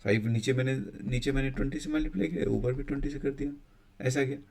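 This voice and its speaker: A man's voice: mid-range voice, gravelly, darkish tone. A man teaching a maths lesson in a casual, explaining manner, often checking in with students and sometimes restarting his sentences. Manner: casual explaining, frequent "ठीक है" check-ins, halting restarts.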